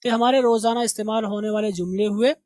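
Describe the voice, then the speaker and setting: A man from India teaching an English lesson. He repeats vocabulary words slowly and corrects pronunciation as he goes. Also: high voice, steady tone, darkish tone, dry recording. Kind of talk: spoken language lesson with vocabulary drills.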